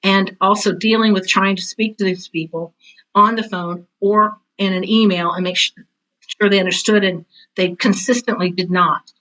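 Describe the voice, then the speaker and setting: A steady, mid-range, slightly bright voice at a moderate pace belongs to a middle-aged or older woman, a theater teacher and author being interviewed. She casually shares personal stories, candid and emphatic, with repeated phrases for stress. The recording quality is low.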